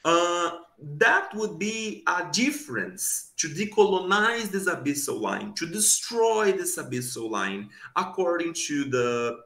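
A young man giving an academic conference talk over a video call, slow and deliberate, posing rhetorical questions. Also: on the high side, sing-song, bright, forceful tone. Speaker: conference presenter. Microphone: webcam on video call. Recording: echoey room.

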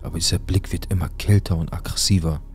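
A young adult man with a low voice tells his own painful life story bluntly and emotionally, his intense delivery quick but steady in tone. Faint music plays behind him.

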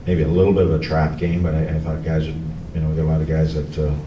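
A middle-aged man, a hockey coach, answering reporters at a post-game press conference, halting with many restarts and fillers. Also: a bass voice, level tone. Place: press room in front of a team backdrop. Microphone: table mic on a stand, heard from a camera farther off. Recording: echoey room, distant camera, background noise.

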